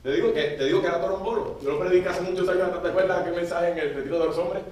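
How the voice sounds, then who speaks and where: Speaking very fast in a high, darkish voice, a preacher leads his congregation in repeating phrases after him. The sound carries the echo of a large church hall, picked up by a distant mic, with a little hiss or hum.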